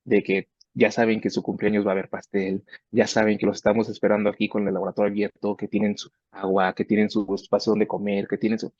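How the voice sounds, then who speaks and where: A man's voice: lowish voice, level tone, fast, hardly any pauses, darkish tone, dry recording. A man speaking conversationally about mentoring research students, often acting out what he and his students say to each other. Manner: conversational, acts out student dialogues. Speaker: research professor. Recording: dull, dry sound.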